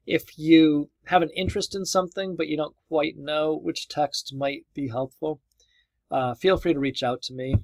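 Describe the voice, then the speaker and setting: A man who is slightly losing his voice, talking students through an online course in a relaxed, casual way, with many ums and small restarts. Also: a little high, moderate pace, no room sound. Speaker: course instructor. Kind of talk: casual recorded course walkthrough.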